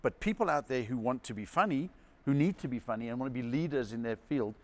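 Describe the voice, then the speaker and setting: A man's voice: mid-range voice, fast. A middle-aged man from South Africa, a comedian telling stories in a casual chat and acting out the people he quotes. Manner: animated storyteller acting out quoted voices. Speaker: comedian guest. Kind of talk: anecdotal storytelling chat.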